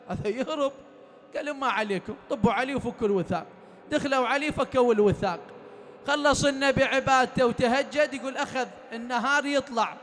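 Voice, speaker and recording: At a mourning gathering in a private home, a man with an Iraqi Arabic accent delivers a sermon, telling stories and posing rhetorical questions to his listeners. His voice is extremely high-pitched and fairly bright, with slight background noise and a long, hall-like reverb on the recording.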